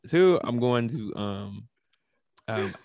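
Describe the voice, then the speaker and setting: A man co-hosting a podcast in casual chat, playful and halting, over a video call. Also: fairly low pitch, expressive, darkish tone, no room sound. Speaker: podcast co-host.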